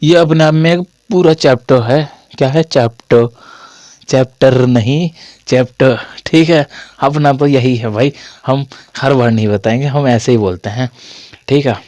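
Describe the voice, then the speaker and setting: A man's voice: medium pitch, steady tone, moderate pace, a little mellow, no room sound, clean studio sound. A young man teaching a casual online Hindi grammar lesson, chatty and repetitive, with a sore throat from a cold. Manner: chatty, repetitive, jokey asides to students.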